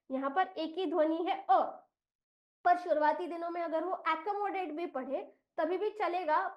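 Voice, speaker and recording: A woman from India trains teachers in English reading, spelling words out slowly and mixing Hindi with English phrases. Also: sits high, muffled recording. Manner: slow, deliberate spelling out of letters and syllables.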